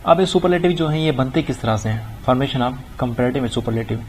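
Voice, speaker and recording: A middle-aged man gives a recorded grammar lecture at a mid-range pitch. He explains things conversationally, then slows right down to read each English example sentence with care. A faint hiss runs under the recording. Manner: explains in Urdu-leaning Hindi, reads English examples slowly and deliberately. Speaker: grammar teacher.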